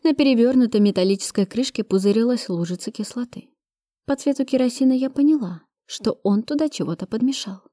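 A woman narrating a first-person thriller audiobook in a steady, brisk manner. Her voice is mellow and darkish, recorded close and dry with no room sound. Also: a little high, no room sound. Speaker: audiobook reader.

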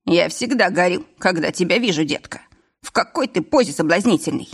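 A woman's voice: lowish voice, lively intonation, brisk, husky. Woman doing a drunken, leering man.

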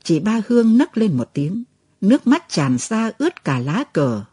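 Warm, breathy woman narrating a story. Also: mid-range voice, big pitch swings, a little slow, no echo, clean studio sound.

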